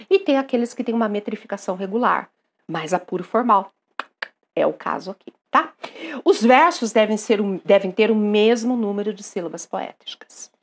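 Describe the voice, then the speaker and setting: A Brazilian woman teaching a literature lesson, emphatic and lively, often checking in with her listeners and reading poems aloud. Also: mid-range voice. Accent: Brazilian Portuguese.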